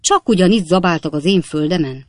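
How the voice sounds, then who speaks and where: A woman's voice: fairly low pitch, expressive, a little mellow, dry recording, clean studio sound. A woman reading aloud and voicing a pompous, bullying landowner captain who barks orders at his gardeners. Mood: raging. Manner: barking, bullying commands. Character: pompous blustering male landowner captain, middle-aged.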